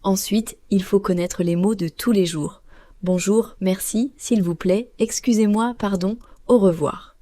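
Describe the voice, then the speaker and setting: A woman co-hosting a learners' podcast, speaking clearly and slowly like a teacher. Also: mid-range voice, mellow, no room sound. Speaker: podcast co-host. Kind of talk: scripted podcast dialogue for learners.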